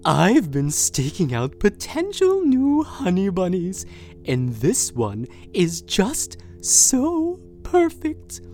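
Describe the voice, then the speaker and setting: A woman's voice: medium pitch, wildly swooping pitch, takes it slowly, mellow, faint music behind. A woman voicing an unhinged, possessive captor in an audio drama monologue, coaxing and sing-song one moment and screaming with rage the next. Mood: sweetly creepy. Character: unhinged possessive captor, sweetly menacing villain.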